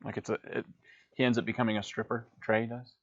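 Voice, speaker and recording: A man's voice: on the low side, level tone, fast, breathy edge, no room sound. A man co-hosting a podcast, riffing sarcastically on a movie with rambling jokey asides. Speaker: podcast co-host. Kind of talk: joking movie riff commentary. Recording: dull lo-fi dry sound.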